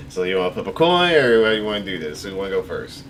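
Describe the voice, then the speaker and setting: A man with a lowish voice co-hosting a laid-back podcast, easing through news items with plenty of "you know" and "I mean." He sits back from the microphone, so he sounds distant, and a clear bed of noise runs under him. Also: very animated, fast talker, fairly bright tone. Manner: easygoing, loose phrasing with filler. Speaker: podcast co-host. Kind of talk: casual chat, reading news.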